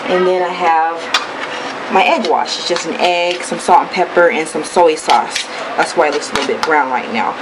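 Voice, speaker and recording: A young woman giving a relaxed, step-by-step cooking demonstration in her home kitchen. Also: on the low side. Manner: relaxed step-by-step explaining with fillers. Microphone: camera held over the counter. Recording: loud kitchen noise behind voice. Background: pots, pans and sizzling.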